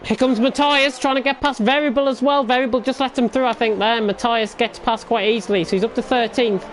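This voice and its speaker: A woman works as a motorsport commentator, calling a race live as it unfolds. Her voice sits high. There is clear noise behind her throughout. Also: fairly even intonation, fairly quick, rough recording.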